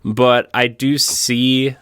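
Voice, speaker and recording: A man's voice: medium pitch, little pitch movement, drawn-out words, a bit bright, clear, resonant tone, no room sound. A man on a podcast panel giving casual opinions, often checking in with little tag questions.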